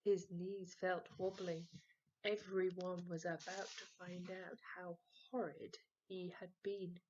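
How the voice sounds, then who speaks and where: A woman reading a children's story aloud slowly and gently. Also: fairly low pitch, flat delivery, lo-fi sound, slight background noise. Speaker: storybook reader.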